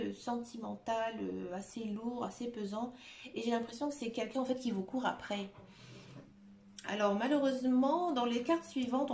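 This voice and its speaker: A woman giving a tarot reading to her viewers, talking gently and hesitantly with many filler sounds. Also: fairly high pitch, creaky. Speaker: tarot card reader. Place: room at home, dog nearby. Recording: echoey room with faint noise.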